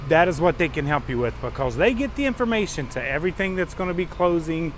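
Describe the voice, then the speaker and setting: Man, fairly high voice, travel vlog host, encouraging casual walking chat, faint vehicle noise outdoors. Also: big pitch swings, fast talker. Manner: encouraging, chatting while walking. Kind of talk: casual walk-and-talk chat. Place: outdoors, walking along a resort path.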